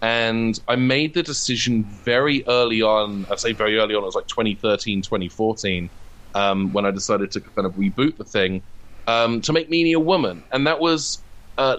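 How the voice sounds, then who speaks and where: In a mid-range, slightly bright voice at a moderate pace, a UK comedy writer chats casually in an interview, explaining his work while poking fun at himself.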